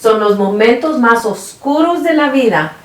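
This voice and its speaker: A woman's voice: a little high, a little slow, far from the mic. Woman co-host, personal faith testimony, a bit off mic in an echoey room. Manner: soft listener, answers with steady "ujú". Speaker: podcast co-host.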